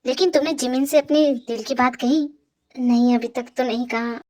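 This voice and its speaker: A woman's voice: high voice, fairly even intonation, moderate pace, darkish tone. A woman voicing a chatty, teasing young man friend in an amateur fan dub.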